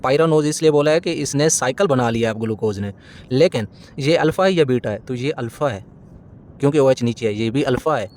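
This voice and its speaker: A man's voice: mid-range voice, brisk, a little mellow, slight background noise. Self-correcting male chemistry lecturer. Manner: poses questions and answers them himself, often corrects himself mid-sentence. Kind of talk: classroom lecture explaining a diagram.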